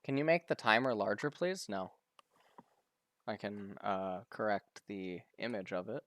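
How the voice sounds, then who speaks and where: A man's voice: on the low side, measured pace, a bit bright. A man streaming live, casually commenting on a pro match, often stumbling, repeating words and answering viewers' questions.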